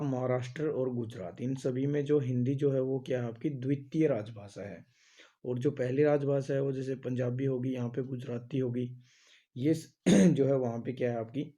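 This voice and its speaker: A man's voice: medium pitch, warm tone. A man teaching an exam-prep lesson, asking each question and then repeating the answer, with a lot of filler phrases. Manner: says "आपका" and "जो है" a lot.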